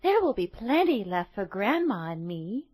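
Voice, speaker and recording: A woman voicing a kind, sweet little girl in a storybook reading, with a bright sing-song lilt. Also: medium pitch, sing-song, moderate pace.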